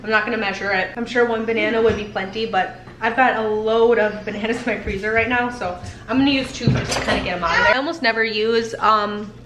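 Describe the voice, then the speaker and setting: Fast and steady in tone, this young woman's fairly high voice fills a casual kitchen vlog recorded at home. The homestead cooking vlogger is upbeat and rambling, mildly congested with a head cold, and the kitchen sounds echoey with faint room noise.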